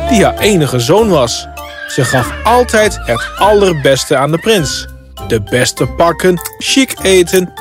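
A man reading a scripted fairy tale as a storybook narrator. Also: on the high side.

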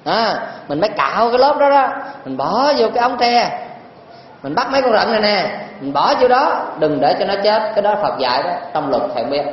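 A man's voice: sits high, very animated, brisk. A male monk with a Southern Vietnamese accent gives a folksy, teasing dharma talk and keeps putting questions to the audience, in a very echoey temple hall. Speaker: Buddhist monk teacher. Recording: very echoey hall, dull lo-fi sound, faint noise.

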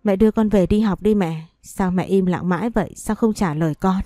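A woman's voice: mid-range voice, fairly quick, mellow, dry recording, clean studio sound, faint music behind, natural voice. A woman voicing a pleading grieving little girl. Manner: pleading, sobbing. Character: young girl grieving her mother.

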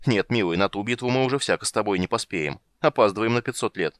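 A man's voice: on the low side, quick pace, no room sound, lightly acted. A man doing a flustered old wizard. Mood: fussy. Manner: flustered, wheedling, cackling. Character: fussy, scatterbrained old male wizard.

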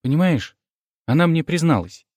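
A man voicing a meek, gentle male mathematician friend who speaks softly and politely in an audiobook. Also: a little high, expressive, moderate pace, no echo, clean studio sound, voice pushed up. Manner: soft-spoken, polite.

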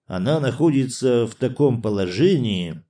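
A man's voice: mid-range voice, animated, moderate pace, warm tone, close to an everyday voice. A man reading an audiobook, voicing a nervous young officer who speaks hesitantly and formally. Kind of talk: audiobook character voice.

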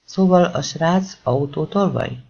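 A man's voice: a little high, gravelly, darkish tone, breathy edge, voice pushed up. A man reading as a sardonic police chief. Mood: probing. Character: harried male police chief, sardonic and impatient. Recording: dull lo-fi recording.

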